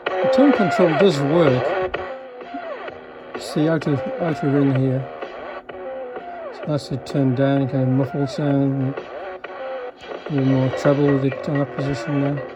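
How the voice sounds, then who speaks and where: A male hobbyist gives an unscripted walkthrough of a restored vintage car radio, speaking technically in a hesitant, understated manner. His medium-pitched voice stays steady but runs a little slow with frequent pauses, and loud music plays behind him.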